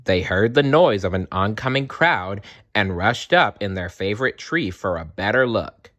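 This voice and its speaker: A storyteller with a low-sitting voice reads aloud to children expressively, using dramatic pauses and playful asides.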